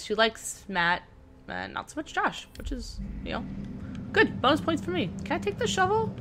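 A woman's voice: medium pitch, noisy background. A young woman doing let's-play commentary, sarcastic, swearing and talking back to the game characters. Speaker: gaming channel host.

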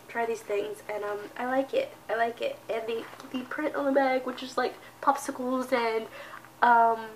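A woman's voice: fairly high pitch, slight background noise, poor audio. Congested young woman rambling through an unboxing. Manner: rambling, halting, many ums and laughs. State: congested, sounds sick. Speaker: beauty vlogger. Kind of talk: casual unboxing vlog.

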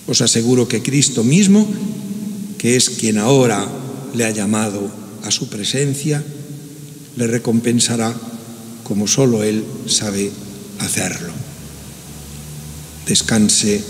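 A man with an accent from Spain leads a funeral Mass as priest, preaching and praying in solemn, measured short phrases in a cathedral echo. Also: fairly low pitch. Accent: Spanish from Spain. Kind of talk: solemn homily and liturgical prayer. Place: large church, indoors. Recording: cathedral echo, long reverberant church hall.

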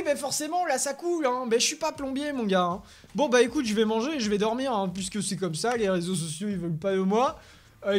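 A man giving chatty, excitable Let's Play commentary, talking to himself as he plays and using an odd put-on accent. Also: very high voice. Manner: excitable, chatty, talks to himself while playing. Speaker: gaming YouTuber.

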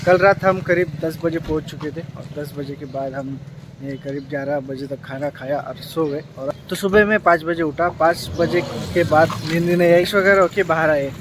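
A man's voice: fairly high pitch, normal speed, background noise. A man from Latur in Maharashtra, India, narrating his travel vlog in a casual, chatty way, explaining each stop as he goes. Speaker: travel vlogger. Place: on the road and outdoors in a village. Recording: music playing under the voice.

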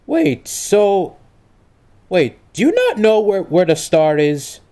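A woman's voice: mid-range voice, big pitch swings, takes it slowly, dark tone. A woman voicing an earnest, flustered male cartoon video game hero in an amateur comedic role-play, hesitant and exclaiming. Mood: doubtful.

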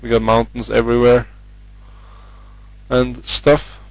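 A young Norwegian gamer commentates a game in English with a Norwegian accent, his mid-range voice flat and even with little rise and fall. He takes it slowly and chats hesitantly, filling gaps with lots of ums and uhs. The audio is poor, though there's no echo.

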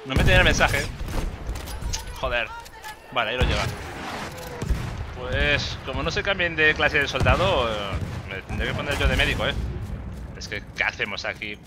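A man with a Spain Spanish accent giving joking, excitable gameplay commentary and swearing often. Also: medium pitch, moderate pace, long pauses, heavy background noise. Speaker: gaming YouTuber. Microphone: desk USB microphone. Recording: loud game gunfire behind. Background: gunfire and explosions from the game.

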